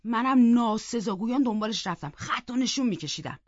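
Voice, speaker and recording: A woman reading a novel aloud in scripted first-person narration, expressive and acting out the characters. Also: fairly high pitch, no echo. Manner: expressive, acts out the characters' voices. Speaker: audiobook reader. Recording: dull, dry close recording.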